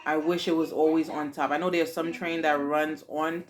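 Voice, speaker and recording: Chatting casually with her daughter, a woman in her 40s with a Haitian accent answers questions with lots of dramatic exclamations. She has a low voice and speaks at normal speed.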